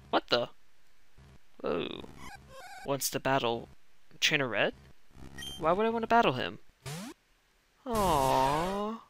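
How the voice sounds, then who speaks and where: Gravelly young man reacting to a game. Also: medium pitch, slight background noise. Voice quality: voice cracks. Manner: reacts loudly and talks to himself while playing. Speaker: let's play gamer. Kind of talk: gameplay commentary.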